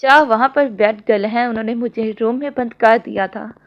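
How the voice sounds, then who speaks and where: A woman reading the lines of a timid, childlike young woman who pleads in a soft murmur. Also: fairly high pitch, fairly even intonation, a little fast, lightly acted. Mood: pleading. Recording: dull lo-fi audio.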